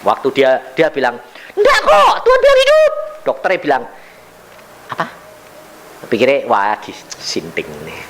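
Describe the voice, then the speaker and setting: A man's voice: pushed and bright, a little hiss or hum. An older man preaching a sermon, telling a story and acting out its dialogue. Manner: storytelling with wide pitch swings and acted-out dialogue. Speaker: evangelist preacher.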